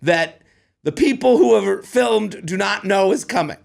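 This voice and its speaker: A man in his thirties, a comedian co-hosting a podcast, chatting casually and rambling excitedly as he promotes his work. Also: high voice, normal speed, creaky. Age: 30s.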